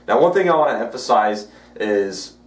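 A man who works as a chiropractor, giving an educational video blog talk, halting with many fillers. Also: medium pitch, animated, echoey room, far from the mic. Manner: halting, frequent "uh" and "you know" fillers.

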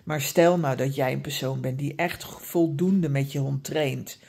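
A woman who specialises in dog behaviour gives calm, patient training advice, with many fillers and frequent tag questions. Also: extremely low pitch, a little slow, creaky, husky. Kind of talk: explanatory advice talk.

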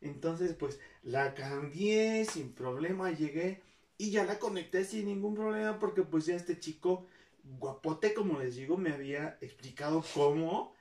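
A woman's voice: sits low, measured pace, a little mellow, distant mic, slight background noise. Chatty Mexican woman in a roomy room. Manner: chatty, acts out the people she quotes, many restarts. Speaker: vlogger. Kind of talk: casual storytelling to viewers. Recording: roomy, mic set back.

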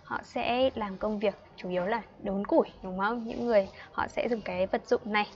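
Northern vietnamese woman in her 20s teaching little kids english online, says words slow and clear, kinda muffled sound. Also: mid-range voice, a little mellow. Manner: patient, repeats words slowly for children; chatty and playful, laughs often. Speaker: English teacher for young children. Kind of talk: online livestream class.

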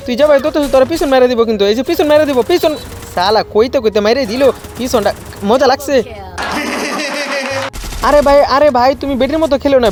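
Excited high-pitched gamer man. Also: slight background noise. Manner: excited, teasing, yelling at teammates. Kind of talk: comic gameplay commentary.

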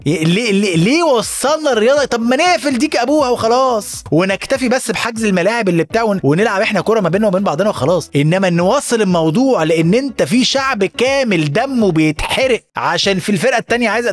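Egyptian male podcast host, exasperated satirical monologue, very fast delivery, swears freely. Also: sits high. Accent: Egyptian Arabic. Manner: profane ranting, mixes in English words; exasperated, appeals to listeners.

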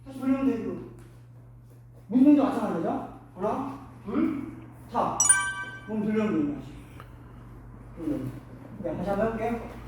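A middle-aged boxing coach drills a student with clipped commands and shouted punch sounds. His voice sits high and swings widely in pitch. The sound comes from a distance in a very echoey gym. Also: lively intonation, quick pace, pauses often, a little hiss or hum. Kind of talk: hands-on boxing instruction. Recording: echoey gym, mic from afar.

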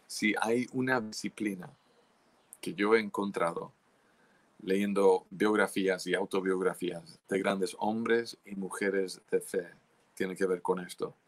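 A man teaching in a sermon, his voice low and grounded. He urges the listeners with steady earnestness. He often repeats a word before finding the rest of the thought. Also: a little slow. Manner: earnest, exhorting, frequent restarts. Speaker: pastor.

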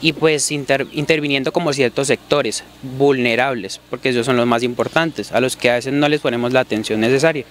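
A man's voice: medium pitch, a little fast, hardly any pauses, slight background noise. Hesitant young man, interviewed outdoors. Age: young adult. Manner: hesitant, many fillers. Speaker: nursing student. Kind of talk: interview answer.

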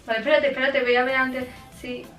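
A teenage girl chatting casually in an animated way in a bedroom, a little away from the microphone. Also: high-pitched, quick pace. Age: teens. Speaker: daughter hosting a prank video. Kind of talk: casual chat. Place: small bedroom, indoors. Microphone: camera a short distance away. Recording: echoey bedroom, distant mic, faint music.

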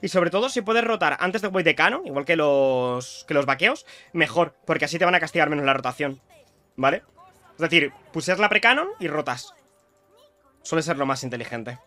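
A young man from Spain with a Spanish accent, chatting excitedly to viewers while commentating his own gameplay. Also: a little high, moderate pace. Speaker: streamer playing a video game.

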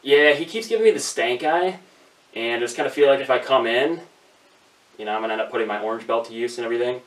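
Talking quickly in a mid-pitched, deadpan ramble, a young adult man vlogs and prank-calls from a small room at home. The camera microphone is set a few feet back, giving the casual chat an echoey, distant sound.

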